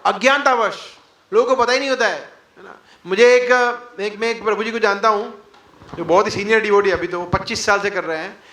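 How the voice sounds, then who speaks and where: This devotional class speaker has a high, sharp voice and talks a little fast, posing rhetorical questions and playful mock quotes to a live audience, with English words sprinkled in. The audio is poor and sounds roomy.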